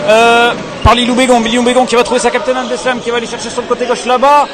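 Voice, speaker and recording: A man delivering excited play-by-play handball commentary in long running phrases, in a loud gym full of crowd din. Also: very high voice, rapid-fire, very noisy.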